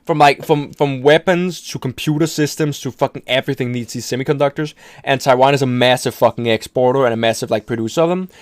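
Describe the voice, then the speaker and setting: Male streamer, casual profane reaction rant, middle pitch, dry close recording. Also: quick pace, no echo. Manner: rambling, profane, restarts often, laughs at himself.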